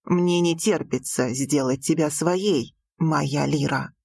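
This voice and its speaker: A woman reading an audiobook, voicing a passionate, teasing young prince with slow, low, intimate delivery. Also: gravelly, darkish tone, slightly rough, exaggerated voice. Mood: tender.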